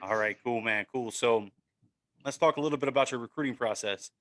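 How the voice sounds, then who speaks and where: A man's voice: mid-range voice, fairly quick, a bit bright. A man hosting a casual sports podcast, upbeat and encouraging, often tagging "man" and "right?" onto his sentences. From Maryland, USA. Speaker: podcast host.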